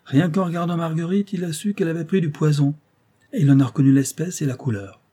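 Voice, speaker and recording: A man's voice: fairly high pitch, fast, mellow, husky, voice pushed up. A man reading a storybook who voices an ironic young male friend.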